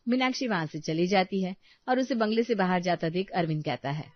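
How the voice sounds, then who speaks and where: A woman narrating a scripted storybook tale in a steady, plain manner. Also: on the low side, brisk, no echo. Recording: dry, slightly dull recording.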